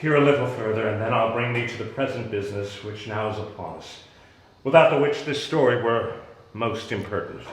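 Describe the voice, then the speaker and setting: A man playing a bitter, commanding exiled duke and father in a theatrical, halting, deliberate Shakespearean reading. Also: on the low side, a little hiss or hum, close to an everyday voice. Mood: solemn, tender. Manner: theatrical, halting, deliberate delivery with sudden emphatic rises. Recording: echoey room.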